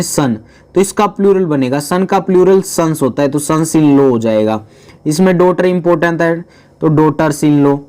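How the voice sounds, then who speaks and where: A man's voice: on the high side, darkish tone, smooth. Male teacher explaining grammar patiently. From India. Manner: explains patiently, often checks in with listeners; mixes in English terms, reads English lines slowly. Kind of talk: grammar lesson.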